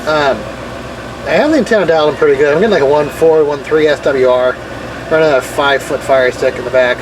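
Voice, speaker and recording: A man with a slightly high voice talks quickly, giving a casual, hands-on explainer and thinking aloud while he tinkers. He's a hobbyist video maker showing off car radio gear, and vehicle and ambient noise come through clearly behind him.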